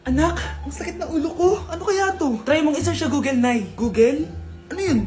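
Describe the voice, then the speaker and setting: A woman with a Filipino accent acting loud, teasing, dramatic characters in exaggerated family comedy skits. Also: high voice, a little fast, close to an everyday voice. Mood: bantering. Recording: loud music under the voices.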